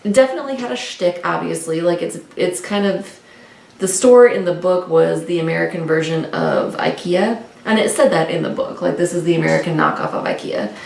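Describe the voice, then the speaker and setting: This lowish, gravelly voice belongs to a woman co-hosting a book discussion vlog, chatting informally and unscripted in a rambling way while often correcting herself. The audio sounds roomy, with a distant mic and faint noise.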